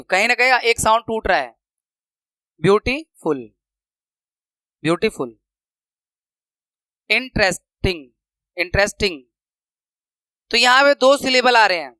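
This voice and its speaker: A man teaching a grammar lesson, patiently explaining slides and slowly repeating example words. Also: sits high, sharp tone, smooth, dry recording, rough recording.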